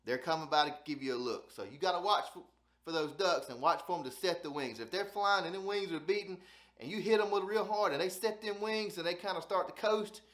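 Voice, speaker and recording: This duck hunting channel host hails from South Alabama, and his Southern accent colors a casual, folksy instructional talk where he doubles up phrases to stress points. His voice is high-leaning with a fairly bright tone, recorded in a roomy space.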